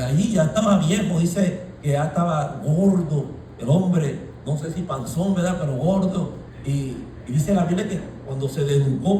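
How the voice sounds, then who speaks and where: A male pastor preaching a sermon, shouting at peaks and dropping into casual asides. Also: fairly high pitch, slight background noise. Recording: echoey room, voice from far off.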